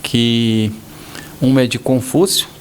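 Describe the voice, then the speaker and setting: Brazilian man telling a lively story. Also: mid-range voice, slow pace, slight background noise. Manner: animated storyteller, acts out quoted voices. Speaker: business owner guest. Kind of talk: storytelling interview.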